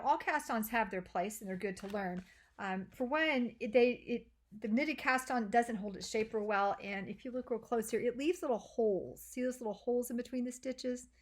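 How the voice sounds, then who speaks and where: A woman casually introducing a knitting lesson, chatty and self-deprecating, with many fillers. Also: fairly high pitch. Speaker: knitting teacher.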